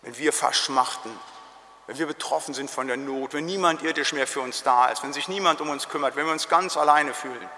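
A man's voice: mid-range voice, bright, forceful tone. Solemn preacher man in a reverberant church. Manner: solemn, slows down on key phrases. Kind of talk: sermon.

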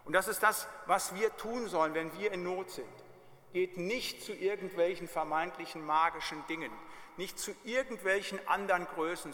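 A man's voice: sits high, bright, forceful tone. A male pastor preaching a sermon emphatically, repeating key words and putting direct questions to the congregation. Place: church. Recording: long church reverb.

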